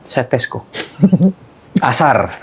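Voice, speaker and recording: A man in his thirties, a convert, telling his life story in an animated way on a talk show. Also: medium pitch, slow pace, gravelly, slightly rough. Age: 30s. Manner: animated, acts out voices, frequent laughs. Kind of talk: lively personal storytelling.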